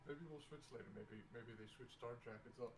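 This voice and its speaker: A man playing in a tabletop game over a voice call, asking joking, deadpan questions in character. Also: medium pitch, fairly quick, a little hiss or hum, low-quality recording. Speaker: player. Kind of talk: casual role-play chat.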